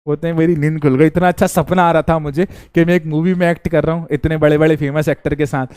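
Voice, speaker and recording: A man with a fairly high voice teaches a live online science class. He talks in a chatty, teasing way, and keeps asking his students questions before answering them himself. The sound is dry and close to the mic, with no room echo. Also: a little mellow, clear, resonant tone.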